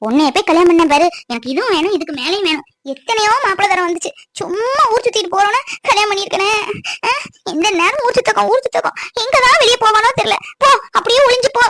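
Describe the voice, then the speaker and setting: A sharp-tongued young wife who scolds and complains in long rapid rants. Her voice is very high and squeaky, sped up like a cartoon, and sits dry and close to the mic. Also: dry recording. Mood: complaining. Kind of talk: cartoon voice acting.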